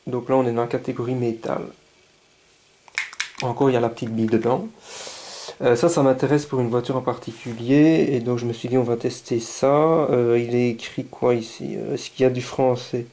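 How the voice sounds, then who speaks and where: Hobbyist man, casual unboxing chat, relaxed mellow tone, eager and rambling. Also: medium pitch, a little hiss or hum. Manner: chatty, enthusiastic, thinking aloud; reads labels aloud haltingly. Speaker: scale model hobbyist.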